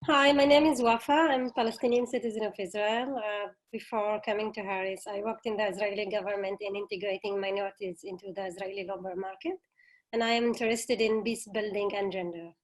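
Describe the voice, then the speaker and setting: A woman introduces herself briskly on a video call. Her pitch is average for a woman. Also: fairly even intonation, low-quality recording. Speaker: graduate student. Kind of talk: short self-introduction.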